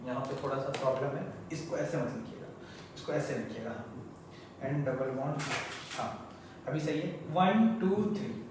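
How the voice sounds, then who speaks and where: Guy teaching chem in a big echoey classroom, mic way off. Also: a little high. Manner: chatty, coaxing, repeats terms slowly for students. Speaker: chemistry teacher. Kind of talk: classroom lecture at a board. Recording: very echoey room, mic far off, faint noise.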